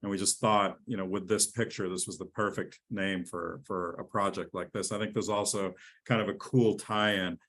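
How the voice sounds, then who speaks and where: Male executive presenter, somewhat low voice, eager and repeats himself. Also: steady tone, normal speed, fairly bright tone. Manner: enthusiastic, with frequent restarts and fillers. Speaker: company president and CEO presenting. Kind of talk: webinar presentation.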